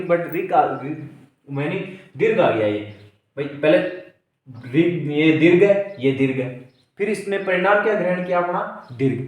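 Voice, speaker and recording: A male teacher giving an exam-prep grammar lesson. He asks questions and answers them himself, and spells out word parts slowly. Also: a little high. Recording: very echoey room, distant mic.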